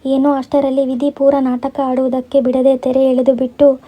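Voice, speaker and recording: A woman's voice: high-pitched, completely flat delivery, moderate pace. A woman reading the part of a sorrowful, pleading young woman who is a grieving sister-in-law, in a dull lo-fi recording.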